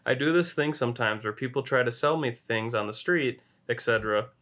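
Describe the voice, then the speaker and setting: A man's voice: medium pitch, brisk, fairly bright tone. A man co-hosting a podcast, reading a story aloud and laughing now and then as he reads. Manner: amused, laughs while reading. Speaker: podcast co-host.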